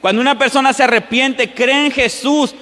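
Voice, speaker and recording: A man's voice: very high-pitched, steady tone, normal speed, bright, forceful tone. A man preaching a sermon as pastor in a church, often putting questions to the congregation. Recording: long church-hall reverb.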